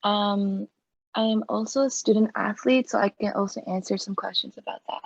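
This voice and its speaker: A woman's voice: mid-range voice, fairly even intonation, moderate pace, gravelly, no room sound. A young woman from Toronto, a student panelist on a video call, rambling with likes and whatevers. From Toronto, Canada. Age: young adult. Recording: dull lo-fi call audio.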